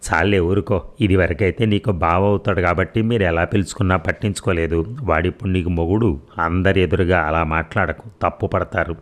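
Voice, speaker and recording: A fussing, loving middle-aged mother voiced by a male narrator reading a story aloud, scolding her grown daughter fondly. The voice stays deep and low throughout. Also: steady tone, brisk, natural voice.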